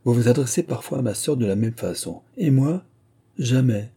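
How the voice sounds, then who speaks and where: A man reading aloud as a lively, teasing young Russian princess, in a raised playful voice. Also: mid-range voice, creaky, slightly rough, pitched above the performer's own voice. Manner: playful, chattering, quick retorts.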